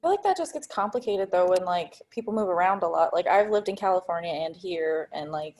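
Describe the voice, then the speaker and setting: A woman's voice: on the low side, brisk, a little mellow. A young woman in casual chat on a video call, searching for words and unsure.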